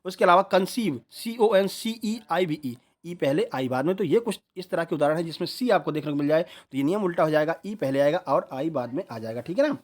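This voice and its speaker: Pitched high, this man's voice leads an online exam preparation class, where he often pauses to check on his audience and spells terms out one letter at a time.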